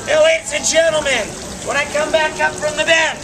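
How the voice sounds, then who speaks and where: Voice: high-pitched, steady tone, fairly quick. A sword swallower performing a live street show, projecting comic showman's patter to an audience. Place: outdoors, before a street audience. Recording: distant outdoor recording, loud crowd and noise.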